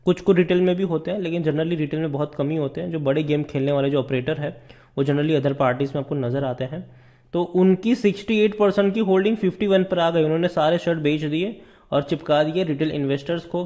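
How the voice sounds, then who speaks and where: Male stock video host, fairly high pitch, warm mellow tone, chatty and emphatic. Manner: conversational, repeats words for emphasis, calls viewers brother. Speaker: stock market commentator. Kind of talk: casual stock analysis over screen charts.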